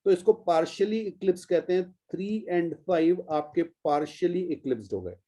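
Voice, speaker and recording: A patient male teacher from India walks his students through a chemistry lesson one step at a time. His voice sits a little high but has a mellow, warm color. He stretches out the key terms as he writes them down. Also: expressive, slow. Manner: patient, step-by-step explaining, addresses students as "beta". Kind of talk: classroom lecture.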